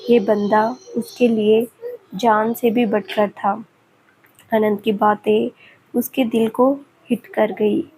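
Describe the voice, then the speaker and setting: Slow, mellow woman narrating a romance. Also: fairly high pitch, flat delivery, slight background noise, poor audio. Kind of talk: storytelling narration.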